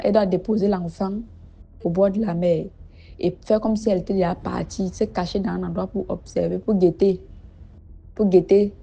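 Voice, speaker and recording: Mellow-voiced woman telling tales. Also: fairly low pitch, creaky. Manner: hesitant, repeats words and restarts phrases. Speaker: storyteller. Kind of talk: casual spoken storytelling. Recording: dull lo-fi audio with background music.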